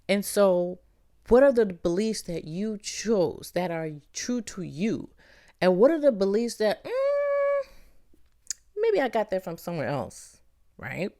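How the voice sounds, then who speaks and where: A middle-aged woman from Barbados hosting a motivational podcast, talking in a lively, playful way and calling the listener "baby". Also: medium pitch, slow. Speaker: podcast host.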